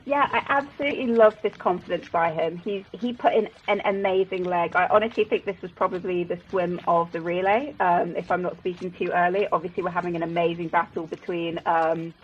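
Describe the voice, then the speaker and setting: A woman's voice: lowish voice, steady tone, a little fast, hardly any pauses, muffled recording, slight background noise. A woman giving live sports commentary as color commentator, enthusiastic and full of fillers and restarts.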